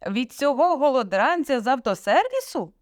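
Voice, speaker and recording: A woman's voice: a little high, lively intonation, moderate pace, dry recording, pitched above the performer's own voice, natural voice. Brief: woman doing an angry, sarcastic storybook father, raised and strained, dry close sound. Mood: furious. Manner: shouting, sarcastic, commanding. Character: stern domineering middle-aged father, furious.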